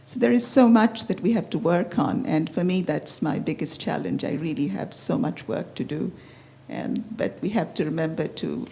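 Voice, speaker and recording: A woman with a gravelly, low voice shares a personal reflection at a retreat. She speaks earnestly and haltingly, and her tone is dark and mellow. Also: lively intonation, a little hiss or hum. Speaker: retreat participant sharing.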